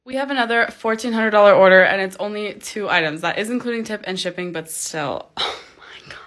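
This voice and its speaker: A woman's voice: mid-range voice, fairly quick, a bit bright. A young woman who runs a small shop, chatting casually and upbeat as she lists items one by one while packing orders. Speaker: crystal shop owner.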